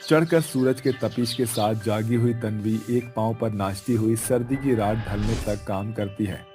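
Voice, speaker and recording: A man narrates a cartoon story with a low, mellow voice. His delivery is measured and even, that of a scripted storyteller. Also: soft background music.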